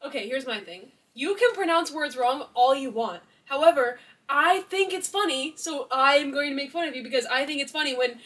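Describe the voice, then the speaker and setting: A young woman with a high voice teases and argues in a casual vlog debate, building her case step by step. She sounds a little distant from the mic. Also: expressive, fairly quick, few pauses, a bit bright. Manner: teasing, argumentative, builds points stepwise. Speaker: co-host. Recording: voice a bit far from the mic.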